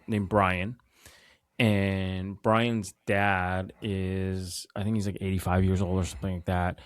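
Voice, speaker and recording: A man co-hosting a casual podcast, talking in a slow, laid-back way. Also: low voice, smooth, no room sound. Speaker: podcast co-host. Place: home setup in Amsterdam.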